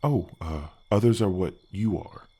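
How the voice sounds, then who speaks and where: Using an effect that drops his already very deep voice even lower, a man acts as a large, helpful male gargoyle in a soft fantasy ASMR roleplay. His earnest, polite, slightly halting lines cast him as a gentle, shy protector, delivered unhurried, husky and heavily performed, with a reassuring, proud mood.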